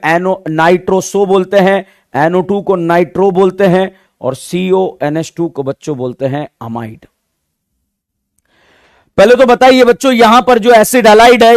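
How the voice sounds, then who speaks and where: A man's voice: high voice, no room sound, studio quality. A man teaching an exam-prep chemistry lecture, drilling students with call-and-response questions, constant repetition and catchy rhyming mnemonics.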